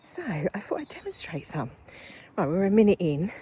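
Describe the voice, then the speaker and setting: A middle-aged British woman vlogs while walking uphill through town outdoors, a little breathless. Her medium-pitched, dark-toned voice is very animated at a moderate pace as she thinks aloud, now and then sinking to a half-whisper.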